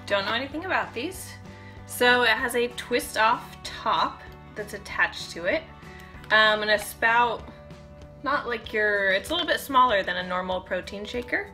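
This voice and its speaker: A woman in her thirties, a fitness vlogger, chats informally to the camera in a home kitchen, thinking aloud as she demonstrates a product. Her voice sits a little high, with an expressive, sharp tone and a measured pace. Soft music plays in the background.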